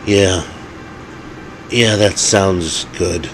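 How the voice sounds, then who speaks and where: A man as a deep-voiced, battered werewolf hero. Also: fairly even intonation, fast, soft background music.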